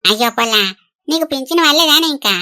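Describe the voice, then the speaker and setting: A woman's voice: high-pitched, quick pace, sharp tone. A woman voicing an old village woman on a pension who gossips and chatters. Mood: chatty. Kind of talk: cartoon voice acting.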